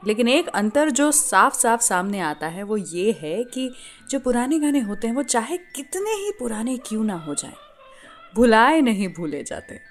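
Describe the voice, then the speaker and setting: A woman with an Indian accent hosts a radio show, telling stories in a scripted yet conversational style, asking listeners questions and mixing in English phrases. Her fairly high voice swings widely in pitch at a moderate pace. Soft music plays in the background.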